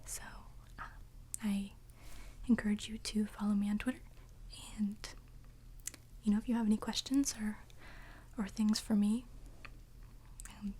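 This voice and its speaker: A woman hosts an ASMR video, chatting to viewers in a soft, breathy whisper with hesitant pauses between short phrases. Her pitch is medium and her tone steady.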